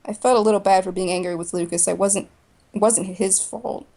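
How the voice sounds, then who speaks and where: A woman narrating a story in the first person for a voice drama, in a plain, even way. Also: mid-range voice, fairly quick, gravelly. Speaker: narrator and main voice actor.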